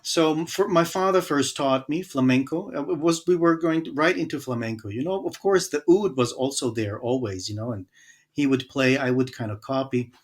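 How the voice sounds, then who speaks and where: A man from Germany, a guest musician, telling his story in a relaxed, hesitant way with many fillers. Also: medium pitch, normal speed. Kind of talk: casual interview storytelling.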